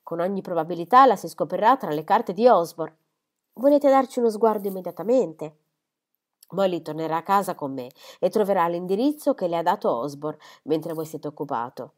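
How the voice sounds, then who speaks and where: A woman voicing a calm middle-aged male country doctor who speaks in a measured, reasoning way. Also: fairly low pitch, lightly acted.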